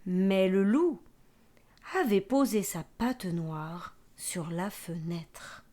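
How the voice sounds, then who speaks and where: A woman teacher reading a fairy tale aloud, expressive and sometimes whispering for suspense. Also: medium pitch, extremely slow. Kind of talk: storybook narration.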